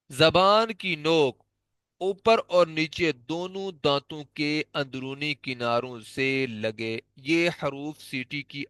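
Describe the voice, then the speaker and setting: A man's voice: medium pitch, fairly bright tone, smooth, dry recording. A man teaching Quran recitation, patiently explaining and repeatedly demonstrating how to pronounce letter sounds. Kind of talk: pronunciation lesson.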